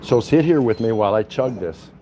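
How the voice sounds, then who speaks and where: On a walk through a city that takes him into a convenience store, a vlogger livestreams and talks casually with viewers in a folksy, slangy, rambling style. His voice is on the low side, expressive and warm, with a brisk pace. Street sounds, passing vehicles, traffic and general ambient noise fill the background.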